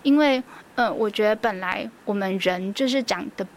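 A woman's voice: medium pitch, moderate pace. Taiwanese mandarin lady, preschool teacher on a radio show, earnest storyteller, lots of ums, faint hiss behind. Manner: earnest, storytelling, many fillers. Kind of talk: radio interview.

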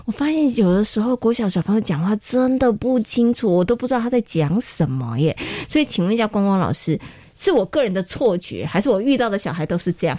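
A woman's voice: mid-range voice, a little mellow, dry recording. A woman hosting an educational radio show from a studio, chatty, stretching out her sentence particles. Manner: chatty, drawn-out particles, eager questions. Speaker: radio host.

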